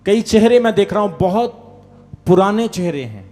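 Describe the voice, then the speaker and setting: Male pastor with a high voice, preaching live in church, calling for hallelujah and amen; faint music underneath. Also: lively intonation, moderate pace, warm tone. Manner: tells quoted exchanges and a village anecdote. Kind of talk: sermon.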